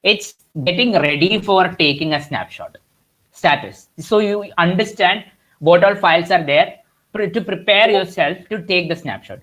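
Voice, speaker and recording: A man's voice: high voice, a bit bright. Young Indian man teaching, full of fillers. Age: young adult. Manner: halting, many fillers and restarts. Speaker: workshop instructor. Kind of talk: live online tutorial. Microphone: computer mic on a video call.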